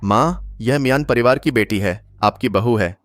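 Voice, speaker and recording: Dub role: a man plays a terse, firm young heir, middle pitch. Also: moderate pace, dry recording, close to an everyday voice. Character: blunt younger son, protective of fiancée. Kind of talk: dubbed drama dialogue.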